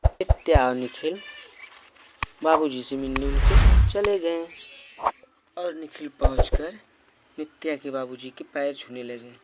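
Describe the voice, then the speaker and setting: One narrator voicing a dramatic storyteller for a doll cartoon. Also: male voice, mid-range voice, takes it slowly, pauses often, very noisy. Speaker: channel narrator voicing all characters.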